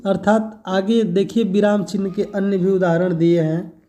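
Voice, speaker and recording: Guy teaching grammar for exams, high mellow voice, asks then answers himself. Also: flat delivery. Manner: slow, deliberate, asks and answers his own questions. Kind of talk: Hindi grammar lesson for exam prep.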